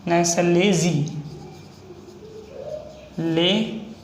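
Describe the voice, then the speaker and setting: Man, Hindi accent, shorthand teacher, slow repeated examples, high-pitched, echoey room. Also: steady tone. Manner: slow, repetitive, drawn-out spelling of example words. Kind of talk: explaining a lesson. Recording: echoey room with faint noise.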